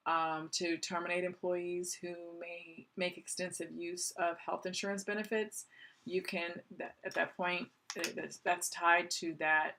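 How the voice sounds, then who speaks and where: A woman's voice: on the low side, a bit bright. A woman in her forties giving a recorded course lecture in a conversational way, with many "um" fillers. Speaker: college lecturer.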